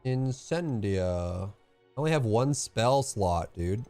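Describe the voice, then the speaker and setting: A playful man talks casually over his video game, cracking jokes at the characters. His voice sits slightly high and moves around a lot, with faint game music underneath. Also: big pitch swings, normal speed. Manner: playful, joking asides to the game. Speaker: gaming channel host. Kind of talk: casual let's-play commentary.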